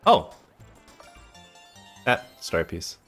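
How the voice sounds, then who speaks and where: A man streaming a video game, chatting in a relaxed, rambling, self-deprecating way. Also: very slow, soft background music. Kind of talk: casual gameplay commentary.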